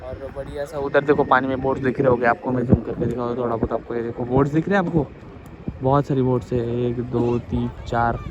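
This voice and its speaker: A man chatting and joking through a casual travel vlog by the sea, filmed on a handheld phone. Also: mid-range voice. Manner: chatty, joking, switching between Hindi and Marathi. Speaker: vlogger. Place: outdoors by the sea. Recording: noisy outdoor phone recording.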